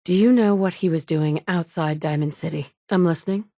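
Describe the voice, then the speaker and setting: An actress with a low, warm, fairly quick voice plays the player character, a wry woman survivor from before the war, in game dialogue. She's dry and sardonic, shifting between bluntness and caring moments. The studio mic recording has no echo.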